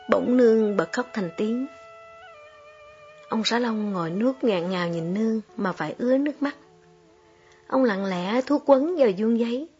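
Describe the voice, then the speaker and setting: Slow, measured woman storyteller. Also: fairly high pitch. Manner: calm, measured, unhurried. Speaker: audiobook reader. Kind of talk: scripted story narration. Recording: slightly dull recording, soft music behind.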